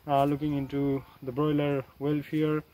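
A man from Nepal, a graduate student, speaks earnestly outdoors on a farm pasture. His delivery is flat and level, with a faint outdoor hiss behind him. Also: fairly high pitch, moderate pace, poor audio. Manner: eager, earnest. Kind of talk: self-introduction in an interview.

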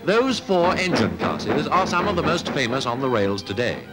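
A man, narrating a 1950s newsreel in a crisp, declamatory announcing manner. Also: medium pitch, very animated, moderate pace, loud music behind the voice.

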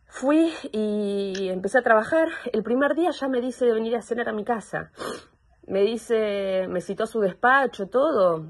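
A young woman with an Argentine accent gives personal testimony over a video call, halting and searching for words. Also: fairly high pitch. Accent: Argentine Spanish. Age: young adult. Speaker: complainant in a psychological assessment.

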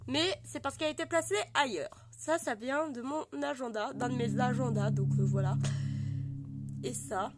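A woman with a hoarse voice from a cold, gushing and rambling with many fillers as she shows off her collection in a casual vlog. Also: a little high, normal speed, over music. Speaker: vlogger showing her collection. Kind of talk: casual show-and-tell. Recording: noticeable background noise.

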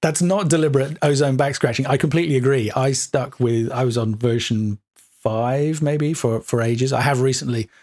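A man's voice: mid-range voice, steady tone, moderate pace, darkish tone. A man hosting an interview podcast, chatting with hesitations and filler words. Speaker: podcast host. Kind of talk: conversational interview.

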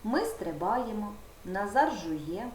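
A woman's voice: medium pitch, sing-song, slow pace, darkish tone. Patient teacher woman, roomy sound. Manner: patient, guiding, talks directly to the pupil. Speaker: primary school teacher. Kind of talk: video lesson for children. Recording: roomy echo with faint background noise.

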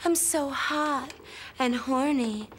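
An actress playing a vain, melodramatic film starlet with a stilted delivery in a sitcom. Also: female voice, sits high, slow pace, a little hiss or hum. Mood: mock dramatic. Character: breathlessly theatrical, vain adult-film starlet. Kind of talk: sitcom acting.

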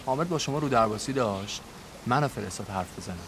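An actor playing a sly taunting kidnapper. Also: male voice, mid-range voice, lively intonation, noisy background, close to an everyday voice. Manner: taunting, often hushed.

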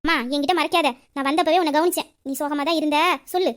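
A woman playing a quick, teasing young woman. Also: high-pitched, steady tone, lightly acted. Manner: coaxing, teasing, quick banter. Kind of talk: romantic audio drama.

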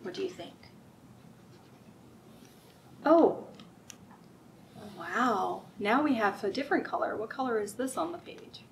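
Among the bookshelves of a library room, a middle-aged storytime host reads to young children and talks with them plainly, frequently asking simple questions. Her voice is a little high, animated and gravelly, slow-paced with long pauses. A distant mic captures noticeable room noise.

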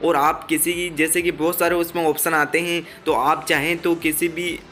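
An Indian man hosts a casual how-to voice-over in a fairly high-set voice. He talks straight to the viewer, going step by step and circling back over his phrases. Light music plays behind him. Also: level tone, normal speed, bright, forceful tone. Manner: repetitive, instructional, addresses viewers directly. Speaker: tech tutorial host.

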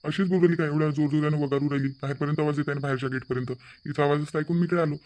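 A man voicing a middle-aged father in a cartoon, steady and reasoning. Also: fairly high pitch, very fast, lightly acted. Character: calm middle-aged father, firm head of house. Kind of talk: cartoon voice acting.

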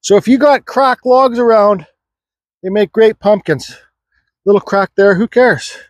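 A middle-aged man with a high voice talks a little slowly as he gives an offhand, chatty chainsaw carving lesson in an outdoor yard, chatting away while he works. It's a casual how-to demonstration picked up on a nearby camera mic, with no room sound.

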